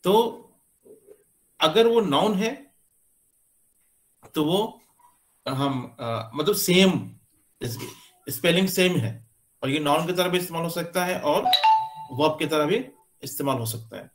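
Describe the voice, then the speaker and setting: Man teaching with many pauses. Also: on the high side, animated, slight background noise. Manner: explains slowly with many pauses and fillers, pointing at board. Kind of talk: classroom lecture on English stress.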